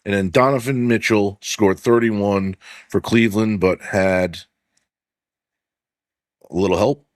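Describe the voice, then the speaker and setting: Hosting a laid-back sports podcast, this man swears freely, leans heavily on "like," and reads stats aloud. His voice is lowish and fairly even, slow with long pauses, in a dry, clean studio recording.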